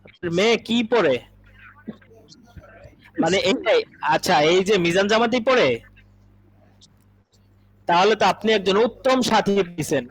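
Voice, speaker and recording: A man's voice: high-pitched, low-quality recording. A male Arabic teacher giving an online class lecture, patiently explaining with everyday examples, repeating phrases and often checking whether students understand.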